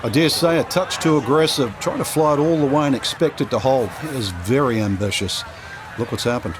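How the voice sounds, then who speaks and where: A man's voice: mid-range voice, fairly quick, background noise, close to an everyday voice. A man voicing a video game golf commentator, explaining play in a casual, conversational analyst's manner. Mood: analytical, wry.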